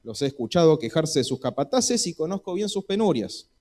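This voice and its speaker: A man's voice: on the high side, very animated, fairly quick, a little mellow. A man with an Argentine Spanish accent preaching a sermon in a church, acting out Bible dialogue in voices.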